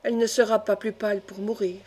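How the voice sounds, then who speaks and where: A woman's voice: medium pitch, little pitch movement, fast talker, darkish tone, husky, lightly acted. A woman voicing a bold, outspoken older woman servant, blunt and anguished, close to her own voice.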